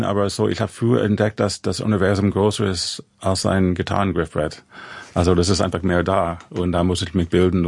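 Deep gravelly man. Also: a little mellow, no room sound. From USA. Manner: thoughtful, halting, with many restarts and fillers. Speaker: composer. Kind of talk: interview conversation.

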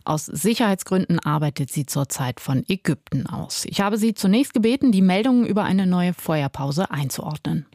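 A woman hosts a radio news program, posing questions to a guest in a clear, composed, formal manner. Her voice sits on the lower side for a woman. The sound is close and dry, with no room around it. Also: lively intonation, moderate pace, few pauses, warm tone, no echo. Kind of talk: radio interview and news presenting.

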